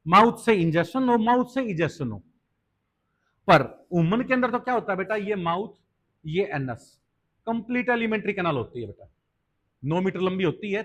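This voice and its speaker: A man's voice: sits high, fairly bright tone. A man teaching biology for an entrance exam, asking questions and answering them himself, addressing students as "beta", with science in pronunciation. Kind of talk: exam-prep lecture.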